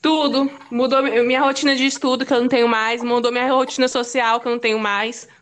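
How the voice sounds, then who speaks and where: A woman's voice: on the high side, flat delivery, quick pace, slight background noise. A woman co-hosting a casual podcast chat, talking hesitantly with stammers and fillers. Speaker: podcast co-host.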